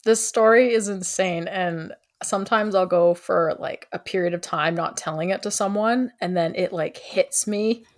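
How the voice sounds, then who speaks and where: A woman's voice: on the low side, moderate pace, hardly any pauses. A woman guesting on a podcast, telling anecdotes in a slangy, dramatic, casual way.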